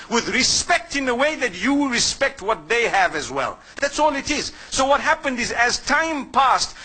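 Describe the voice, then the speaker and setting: A husky, high-pitched preacher from Zimbabwe. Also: male voice, sharp tone, rough recording. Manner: conversational, asks the audience questions and answers them. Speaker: Islamic preacher. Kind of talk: sermon.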